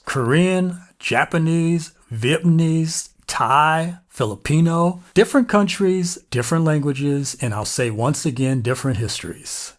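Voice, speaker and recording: A vlogger giving a reflective solo commentary, making points in short, punchy, emphatic phrases. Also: mid-range voice. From United States.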